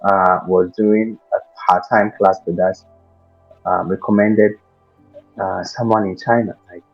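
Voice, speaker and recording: Young Ghanaian man, very low voice, husky, hesitant with fillers, dull lo-fi sound. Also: steady tone, unhurried, soft background music. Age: 20s. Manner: hesitant, many fillers and restarts. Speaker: guest. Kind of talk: casual interview.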